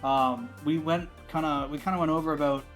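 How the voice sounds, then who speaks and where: A man's voice: on the high side, steady tone, fairly quick, a bit bright. A man co-hosts a live game draft in a loose, chatty way. He rambles upbeat through fillers and restarts. Faint music plays underneath. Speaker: draft co-host. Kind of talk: casual esports commentary.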